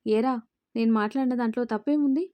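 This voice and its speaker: A woman's voice: fairly high pitch, quick pace, warm tone, close to an everyday voice. A woman voicing a stern elderly grandmother who speaks harshly and with scorn in a spoken storybook. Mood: scornful. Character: stern elderly grandmother, head of a wealthy family.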